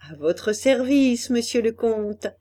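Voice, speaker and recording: Lady reading as a chubby jolly older woman, high and loud, bouncy, a bit breathy. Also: animated, slow pace. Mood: cheerful. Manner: cheerful, obliging tone. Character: plump older woman, indulgent and jovial.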